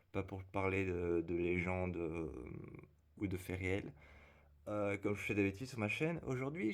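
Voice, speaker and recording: Man with a low, ailing zombie-like voice. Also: a little mellow. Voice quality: strained, unwell zombie-like voice, not his usual one. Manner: halting, apologetic, hesitant, searching for words. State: ailing voice from a lung problem. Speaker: video creator and fanfiction writer presenting to camera. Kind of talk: casual vlog chat.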